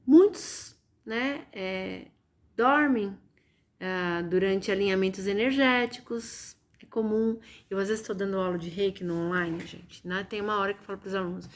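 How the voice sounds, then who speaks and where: A woman's voice: mid-range voice, normal speed. A woman with a Brazilian Portuguese accent hosting a casual spiritual live stream from home, chatty and often turning to her viewers. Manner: chatty, keeps addressing viewers with "gente" and "né". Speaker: live-stream host and reiki teacher.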